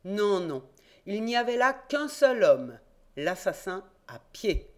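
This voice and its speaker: A woman reading an audiobook, voicing an eager, confident young male reporter-detective in a raised, excited voice. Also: slow pace. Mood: triumphant. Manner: excited, emphatic, raised and higher voice.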